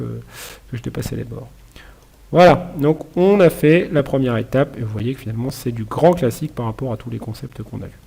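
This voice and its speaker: A man's voice: medium pitch, vocal fry, dark tone, slightly rough. A man giving a casual programming lecture while demonstrating code, chatty and self-correcting with frequent apologies. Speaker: university lecturer. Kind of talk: live coding lecture.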